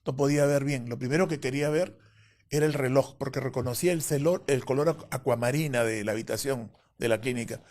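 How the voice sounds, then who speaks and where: A man's voice: mid-range voice, quick pace, a little mellow. A man as an interview guest, telling a personal story vividly and acting out the voices of others.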